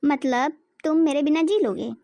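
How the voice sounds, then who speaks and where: A woman's voice: sits high, moderate pace, mellow. A woman playing a nagging young village wife. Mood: pleading. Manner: insistent, complaining. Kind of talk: cartoon voice acting.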